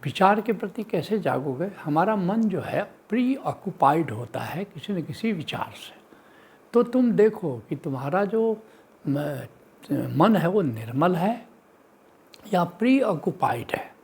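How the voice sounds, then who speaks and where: Spiritual teacher guy, slow and husky, voice goes up and down a lot, chants old verses. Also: high-pitched, very animated, a little mellow. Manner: quotes sayings of saints in a slow sing-song chant; lists points with a teaching cadence. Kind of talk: Hindi spiritual discourse. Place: live teaching session.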